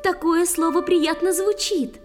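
An actress playing Undine, a capricious, soulful young water spirit, speaking verse tenderly and plaintively in a children's audio play. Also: female voice, extremely high pitch, steady tone, unhurried. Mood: playful, wondering. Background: music with flute.

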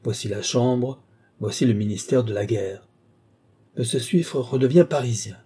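A man reading a comic short story aloud, telling it with animated storytelling and voicing the quoted characters. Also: medium pitch, moderate pace, husky. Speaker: reader.

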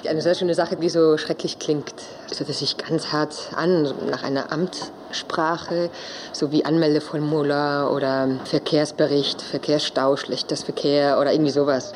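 Flat-voiced speaker over clear background noise. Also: mid-range voice, a little slow. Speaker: interviewee. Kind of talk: personal reflection.

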